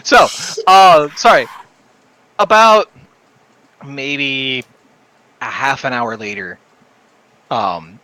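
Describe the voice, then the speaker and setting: A man's voice: medium pitch, extremely slow, pauses often, bright, forceful tone, low-quality recording. A man narrating a tabletop game as game master, laid-back and chatty, laughing often.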